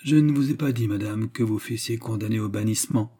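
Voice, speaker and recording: A man reading the part of a stern, formal male court clerk who speaks in a measured, solemn way. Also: on the low side, dark tone, lightly acted.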